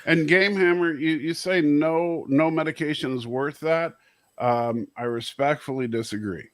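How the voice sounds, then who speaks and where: A man's voice: fairly high pitch, a little slow, no room sound. A man hosting a casual chat, reading out viewer comments and laughing often. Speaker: host.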